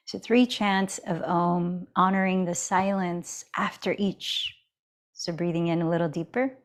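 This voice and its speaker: Female yoga teacher, unhurried and soothing, a little low in pitch. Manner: slow, soft and soothing, counting breaths. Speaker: yoga instructor. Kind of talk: guided yoga and breathing instruction.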